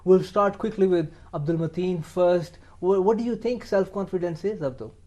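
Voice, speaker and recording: Gentle-voiced man hosting a youth show. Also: high voice, moderate pace, dull audio. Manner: hesitant, many fillers and restarts. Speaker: TV show host. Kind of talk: studio talk show hosting.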